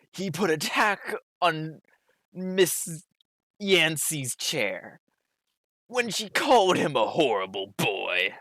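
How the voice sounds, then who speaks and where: A man's voice: mid-range voice, sharp tone, no echo, exaggerated voice. A man voicing a dim, proud, muscle-obsessed dude bro monk in a tabletop role-playing game, enunciating word by word like a gym bro. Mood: slow, declaiming. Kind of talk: in-character tabletop role-play.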